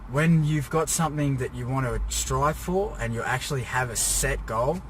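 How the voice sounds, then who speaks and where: This fitness vlogger, getting ready for a bodybuilding show, speaks at a normal speed in a medium-pitched, fairly bright voice. Drained and exhausted from a workout, he sits in his car giving a casual, rambling personal rant, tired yet pressing on, amid noisy vehicle ambience.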